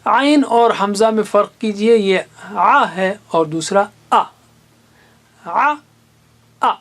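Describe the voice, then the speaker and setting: With a high, expressive, fairly bright voice, a man leads a classroom Quran recitation lesson. He explains patiently and slowly voices individual letters and syllables to illustrate.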